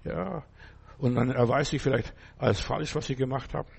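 A man's voice: mid-range voice, steady tone, normal speed, creaky, darkish tone, husky. An older man preaching a sermon in a conversational, emphatic way, often asking his listeners whether they understand.

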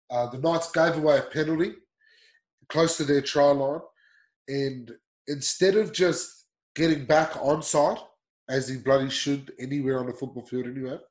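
A man's voice: medium pitch, a little mellow, reverberant, rough recording. A man hosting a sports talk show, blunt and swearing freely as he rants. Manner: blunt, swearing, heated ranting.

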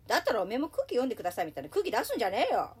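A woman playing a cheerful female radio host who is polite and bright on air but turns rough and blunt off air. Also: fairly high pitch, wildly swooping pitch, racing, exaggerated voice. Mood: rough, scolding. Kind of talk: comedy radio sketch.

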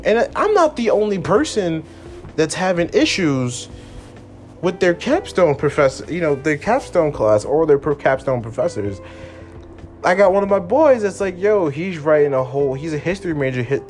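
A man's voice: sits high, a little mellow. A man in his twenties delivering a frustrated, profane late-night solo rant from his room at home, repeating himself as he vents. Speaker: podcast host.

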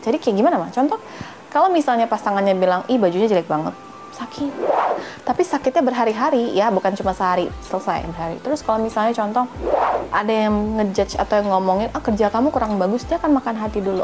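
Woman, podcast host, casual and playful, drops English phrases, clear music playing behind. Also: medium pitch. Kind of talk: casual chatty advice talk.

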